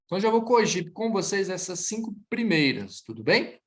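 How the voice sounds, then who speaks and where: An animated man with a high voice teaches French in an online class, correcting his students. He's lively, switching between Portuguese and French and slowing down to model phrases.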